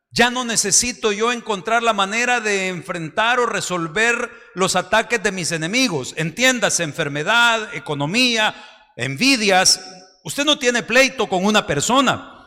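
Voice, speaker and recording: A pastor preaching a sermon fervently, often dropping into a confiding tone. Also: male voice, high-pitched, expressive, a little slow, bright, forceful tone. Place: church hall. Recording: reverberant church hall.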